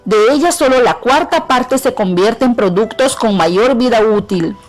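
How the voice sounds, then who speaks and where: A middle-aged woman with a Peruvian accent, a teacher giving a clear, measured lesson on an educational radio program. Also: on the high side, animated, faint music behind, low-quality recording. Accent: Peruvian Spanish. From Peru. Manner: clear, measured instruction to students.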